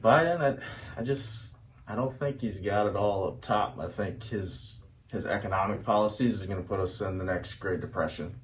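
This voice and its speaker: Deep-voiced young man, hesitant. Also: moderate pace, poor audio. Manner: hesitant, casual. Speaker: interviewee.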